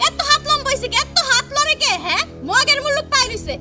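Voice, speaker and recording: A woman's voice: expressive, quick pace. A woman playing a harsh, bitter village stepmother who scolds and threatens. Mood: scolding. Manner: shrill scolding, threatening, mocking. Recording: music playing under the voice.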